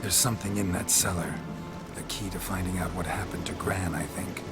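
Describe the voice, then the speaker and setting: An actor playing a gruff, stoic male monster hunter who speaks in a clipped, laconic way. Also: low-pitched, fairly even intonation, brisk, natural voice. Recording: game audio under very loud music.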